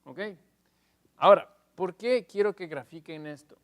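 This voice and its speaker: A man teaching English grammar in Spanish in a televised lesson, explaining step by step and loudly stressing each English example. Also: high voice, animated, measured pace.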